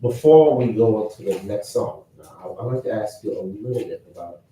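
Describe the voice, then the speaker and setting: Dark-voiced radio host, echoey studio. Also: male voice, animated, fairly quick, distant mic. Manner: brief encouraging interjections, gentle questions. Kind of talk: radio interview. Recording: echoey studio, off-mic, faint rumble.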